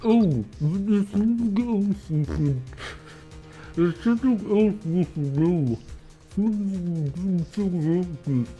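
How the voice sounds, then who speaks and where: A man voicing a taunting masked kidnapper on the phone, through a deep pitch-shifted voice changer, talking smugly with his mouth covered. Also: expressive, mellow, dull audio, faint music behind. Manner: smug, slow and teasing. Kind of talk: voicing game characters on a stream. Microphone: covering his mouth while talking.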